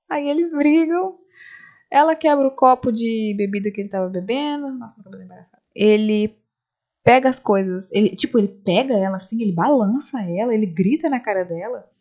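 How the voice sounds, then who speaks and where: Woman vlogger retelling a movie, kinda high but mellow voice, bit muffled sound. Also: expressive, a little fast. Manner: retells scenes, acting out the dialogue. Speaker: film reviewer. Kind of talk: casual film recap. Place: home, right after the cinema. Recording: slightly dull lo-fi sound.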